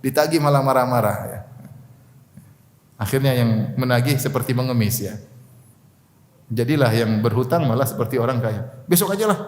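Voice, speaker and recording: A man's voice: medium pitch, normal speed, pauses often, darkish tone. A man giving a religious study lecture, reciting Arabic prayers line by line, translating them and joking with his listeners. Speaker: Islamic preacher. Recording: echoey hall with long reverb.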